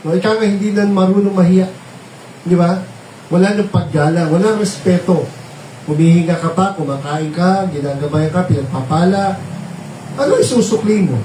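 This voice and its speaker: A man's voice: sits high, normal speed, dark tone, slight background noise. A man preaching a sermon, switching between Tagalog and English and often checking in with his listeners through tag questions. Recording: roomy, distant mic, faint ambience.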